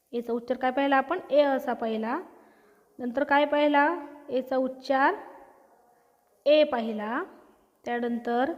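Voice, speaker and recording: A high-pitched woman teaches English pronunciation, asking a question and then answering it herself. She repeats each sound slowly and patiently. Her voice rings out with a long reverb around it. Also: dull audio. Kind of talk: slide-based pronunciation lesson.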